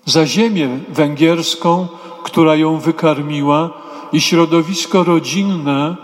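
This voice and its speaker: A man delivers a sermon in a slightly high voice, unhurried and solemn, breaking his sentences into short measured phrases that now and then drift into a half-sung chant. His words hang in the long reverb of a church. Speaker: preacher.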